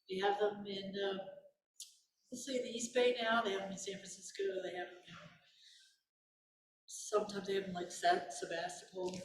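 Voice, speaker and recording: An older woman speaks as a guest at a community Q&A, her pitch sitting in an ordinary middle range. She talks in a loose, rambling way, starting over and correcting herself mid-sentence. The voice comes from well off the mic in a big, empty, reverberant room. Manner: rambling, with many restarts and self-corrections. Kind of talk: casual Q&A talk. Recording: echoey room, voice far from the mic.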